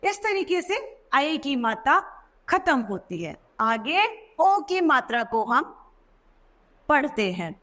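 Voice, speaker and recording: Slow, sing-song woman teacher. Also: high-pitched, very animated, a bit bright. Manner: slow, emphatic, sing-song stress on key words. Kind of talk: children's Hindi lesson narration. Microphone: voice-over.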